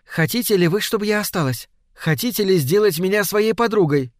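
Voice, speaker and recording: A man puts on Death as a hushed, courtly young lady in a spoken storybook, raised a few steps in pitch and kept low and slow. She coaxes calmly and measures out every phrase. The recording is close and dry. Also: no echo. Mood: coaxing. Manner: quiet, measured, coaxing.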